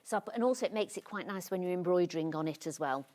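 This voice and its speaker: A woman's voice: lowish voice, lively intonation, racing, a little mellow. A woman giving a casual live craft demonstration, talking informally through what she is doing. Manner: chatty, informal, self-narrating. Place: TV studio.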